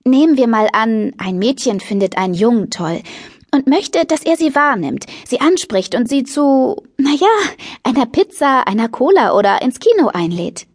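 A woman's voice: a little high, sing-song, moderate pace, no room sound, studio quality. A woman reading a bubbly, fashion-crazy teenage girl who plays matchmaker, chirpy and pushy in an audiobook.

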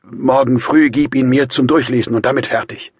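A man's voice: medium pitch, steady tone, moderate pace, slightly rough, dry recording, clean studio sound, pitched above the performer's own voice, natural voice. A man voicing a feverish, defiant young man in an audiobook, speaking in a strained, insistent way. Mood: bitter. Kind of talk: audiobook character voice.

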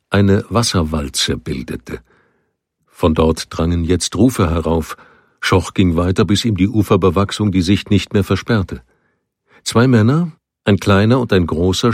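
A man narrating an audiobook in a calm, measured storytelling manner. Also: low-pitched, no room sound, clean studio sound. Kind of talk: scripted narration.

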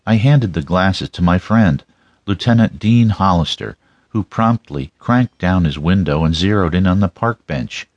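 A man narrates a crime story in the first person, as for an audiobook. His voice sits low in pitch, and the sound is dry with hardly any room to it. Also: lively intonation, a little slow, a little mellow, no room sound, lo-fi sound.

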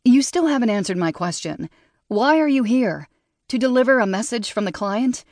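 A woman's voice: fairly high pitch, expressive, normal speed, darkish tone, no echo, studio quality, voice pushed up. A woman voicing a proud young woman perfumer who holds back her anger behind clipped, cold words.

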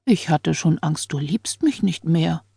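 A woman's voice: low-pitched, unhurried, vocal fry, mellow, husky, dry recording, studio quality, heavily acted. A woman reader voicing a controlling husband who scolds and soothes with menace. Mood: falsely tender.

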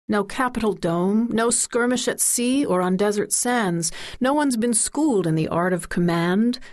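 A woman with a mid-range voice narrates a literary story in verse as an audiobook. Her recitation is measured and dramatic.

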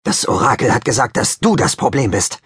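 A man's voice: mid-range voice, animated, a little fast, fairly bright tone, husky. A man voicing a paranoid, furious king in an audiobook, snarling accusations at his daughter.

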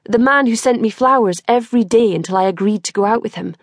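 A woman reading a first-person audiobook with measured, wry storytelling. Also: fairly high pitch, no room sound, clean studio sound. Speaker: audiobook narrator.

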